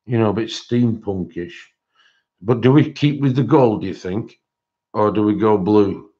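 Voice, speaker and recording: A man's voice: fairly low pitch, a little mellow, dull audio. A man hosting a livestream, chatting casually with viewers and thinking aloud in a hesitant way. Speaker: livestream host.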